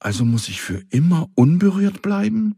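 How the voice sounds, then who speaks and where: Man voicing a gentle, longing old house. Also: on the low side, animated, unhurried, husky, no echo, studio quality, exaggerated voice. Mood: wistful. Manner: soft, wistful.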